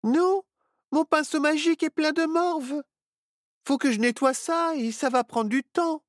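Lady doing a bold little witch girl, high eager voice, storybook. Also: measured pace, no echo, studio quality. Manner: high, bright, eager delivery. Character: young apprentice witch girl, bold and lively. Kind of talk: storybook character voice.

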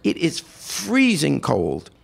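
A man's voice: on the high side, takes it slowly, creaky, husky. An older man from New York, hosting and telling a long personal story with quoted voices. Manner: animated anecdote with quoted voices. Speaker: host.

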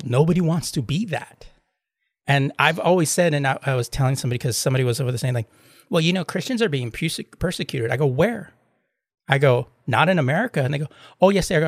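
A man's voice: mid-range voice, no echo, clean studio sound. A man chatting casually as a podcast host, telling anecdotes in a rambling way and acting out both sides of retold exchanges. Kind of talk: casual chat, retelling anecdotes.

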